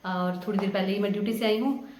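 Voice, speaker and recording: A young woman in her twenties from Himachal Pradesh chats through viewer questions in a relaxed home vlog. Her voice sits at a middle pitch and she talks easily, hesitating often on filler sounds. The room around her is bare and echoey. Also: fast, slight background noise. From Himachal Pradesh, India. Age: 20s. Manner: chatty, hesitant with many fillers, laughs at questions. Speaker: vlogger. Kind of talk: casual Q&A vlog.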